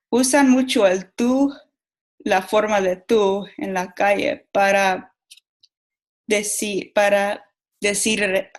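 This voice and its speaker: Slow, halting woman giving a class talk. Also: medium pitch, poor audio. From Mexico. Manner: halting, many restarts and repeated words. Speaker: student giving a class presentation. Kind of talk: school presentation.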